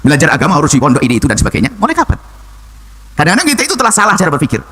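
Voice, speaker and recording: An older man preaching a sermon and answering a listener's question, talking in an animated way that jumps from low murmurs to high exclamations. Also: racing, slightly rough.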